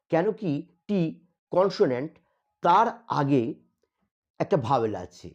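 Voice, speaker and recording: A man teaching a grammar lesson, explaining step by step, spelling words out letter by letter and slowing down for the example sentences. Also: a little high, a little mellow, lo-fi sound. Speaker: English teacher.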